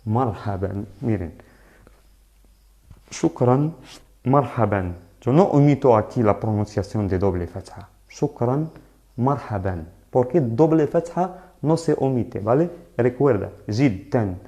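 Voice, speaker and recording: A man teaching a live online lesson in Spanish, explaining slowly and patiently and often checking that his students follow. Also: mid-range voice, animated, dark tone. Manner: slow, patient explaining with frequent "¿vale?" checks. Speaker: Arabic teacher.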